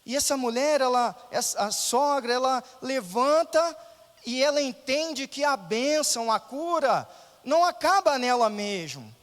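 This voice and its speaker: A man with a very high-pitched voice preaches to his congregation, pressing his points with rhetorical questions. His words ring out with a long echo through the church hall. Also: lively intonation, a little slow, fairly bright tone. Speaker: pastor. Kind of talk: sermon.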